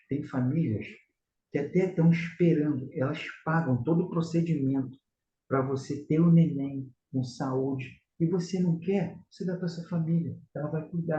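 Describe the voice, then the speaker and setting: Speaking with a Carioca accent from Rio de Janeiro, Brazil, a man teaches a religious class on prayer, earnestly exhorting his listeners and calling them brothers. His voice is a little high and dark-toned, at a normal speed, with a slight hiss or hum. The room is echoey and the sound somewhat dull.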